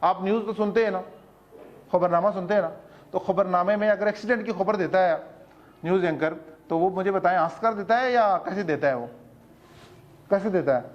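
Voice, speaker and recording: A man's voice: sits high, long pauses, highs cut off. A man giving an explanatory talk to parents as a school principal, earnest and asking rhetorical questions, with English terms mixed into his speech.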